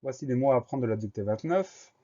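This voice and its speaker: Male teacher, spelling lesson for kids, mellow voice, dull lo-fi sound. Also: medium pitch, lively intonation. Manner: slow, spells words letter by letter.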